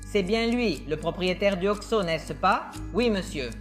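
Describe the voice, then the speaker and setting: Guy yelling orders at his dad in a scary game, jokey, faint music behind. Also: sits high, unhurried. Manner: bossy, jokey, directs the game. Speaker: gamer playing with his father. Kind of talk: excited let's play chatter.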